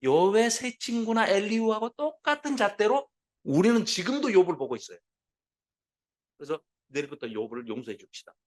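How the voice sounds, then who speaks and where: A man lecturing a Bible class, lively and full of rhetorical questions put to his listeners. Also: high voice, moderate pace.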